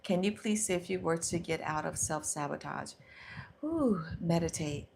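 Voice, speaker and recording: A woman's voice: on the low side, moderate pace, vocal fry, slight background noise. A middle-aged woman hosting a casual motivational live stream, talking herself through fears aloud and reading comments from viewers. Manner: warm encouraging, talks to herself aloud, reads viewer comments. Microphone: handheld or clip mic.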